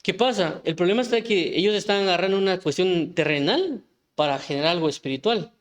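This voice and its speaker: A man's voice: high voice, lively intonation, a little fast. A man preaching an informal sermon, talking conversationally with frequent restarts and rhetorical questions.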